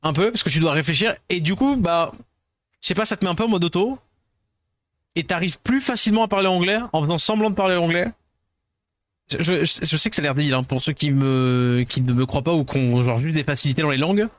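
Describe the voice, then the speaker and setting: A man's voice: fairly high pitch, brisk, dry recording. A man from France, chatting casually with his viewers as a streamer, rambling and self-deprecating, tired, dropping English words into his talk.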